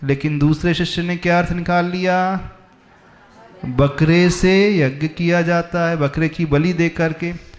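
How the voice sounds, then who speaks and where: A man's voice: on the high side, steady tone, unhurried. A man, a monk, giving a sermon and teaching with emphatic rhetorical questions. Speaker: Jain monk preacher.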